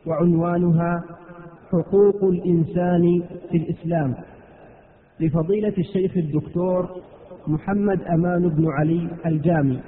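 Male announcer, formal standard Arabic introduction, measured and flat in melody, long reverb. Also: a little high. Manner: measured, formal classical diction. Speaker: announcer introducing a recorded lecture. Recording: phone-like thin sound, long reverb.

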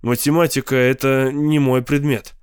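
A man voicing a gloomy, withdrawn teenage older brother who speaks in a flat, sullen way. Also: medium pitch, moderate pace, clean tone, no room sound, clean studio sound, natural voice.

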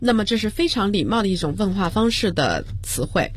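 Female radio English teacher, slightly husky tone, patient and methodical, spells words aloud. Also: medium pitch, big pitch swings. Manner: explains slowly, spells words letter by letter. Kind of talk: radio language lesson. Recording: broadcast studio.

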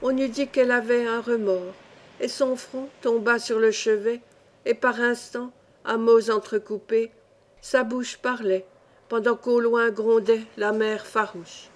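A woman reading a poem aloud in a measured, solemn recitation. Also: a little high, steady tone. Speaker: reader. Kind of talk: poetry reading.

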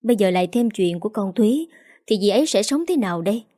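An older father hisses his anger in quick bursts, read by a woman narrator. The voice stays mellow and close, with a dry sound. It is a storybook reading. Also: mid-range voice, expressive, no room sound, natural voice. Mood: angry. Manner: hissing anger, rapid. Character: older husband, angry and worried father.

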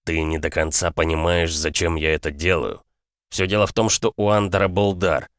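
A man voicing a calm older aristocrat father in an audiobook, measured and coldly matter-of-fact. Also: low-pitched, dry recording, clean studio sound. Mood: insistent. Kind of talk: audiobook character voice.

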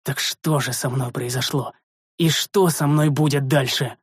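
A man's voice: medium pitch, steady tone, a little slow, slightly rough, dry recording. Man reading a fantasy audiobook. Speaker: audiobook narrator. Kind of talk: first-person fantasy audiobook narration.

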